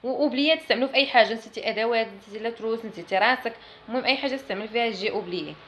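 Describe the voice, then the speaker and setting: A woman with a Moroccan accent teaching French classroom phrases, explaining in Arabic and saying the French phrases slowly and carefully. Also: fairly high pitch, slight background noise.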